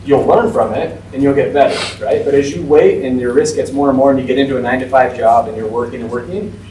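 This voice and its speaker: A forty-year-old man talks casually to a class as a guest speaker, chatty and loose. His voice sits at an everyday pitch. It comes from a distance in an echoey room with faint noise behind. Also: fairly even intonation, fast talker, warm tone. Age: 40s. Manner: chatty, informal, lots of "like" and "right?". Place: school classroom.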